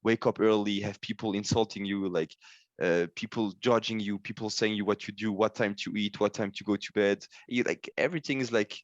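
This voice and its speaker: A Swiss man in his twenties, not a native English speaker, talks casually in an interview, modestly calling himself a guest and searching for words. His voice is fairly low and even, a little fast, recorded lo-fi with no echo.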